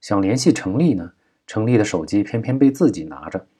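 A man narrating a crime novel audiobook at a steady, measured pace. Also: on the low side, slightly rough.

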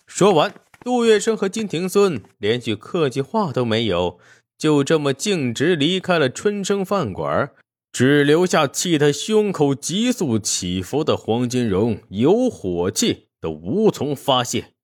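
A man reading a story aloud as narrator, in a dramatic, expressive way. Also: a little high, unhurried, no room sound, studio quality.

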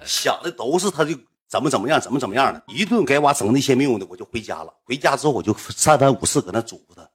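Fast, rambling Northeastern Chinese storyteller. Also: male voice, medium pitch, lively intonation, breathy edge, faint music behind. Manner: rambling, slangy, chatty. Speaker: storyteller streamer. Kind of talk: casual storytelling livestream. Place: at home.

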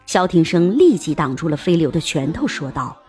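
A woman narrating a historical-fiction audiobook in an expressive storytelling manner. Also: deep voice, moderate pace, soft background music.

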